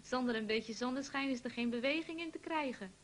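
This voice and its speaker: A woman voicing a good-natured, unflappable husband who teases and coaxes in a brighter voice, reading a children's story. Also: fairly quick, slight background noise, natural voice. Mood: cheerful. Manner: upbeat and coaxing, a bit louder and higher.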